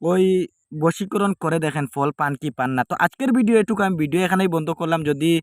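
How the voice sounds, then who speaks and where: A man giving step-by-step ritual instructions in a halting, repetitive way, recorded indoors without a microphone. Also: on the high side, no echo, clean studio sound. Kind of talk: step-by-step spoken demonstration. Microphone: no microphone, device's built-in mic.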